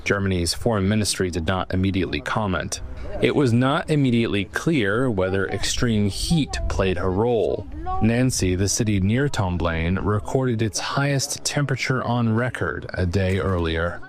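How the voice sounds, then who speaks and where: A man reporting a news story in an even, formal voice-over. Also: lowish voice, normal speed.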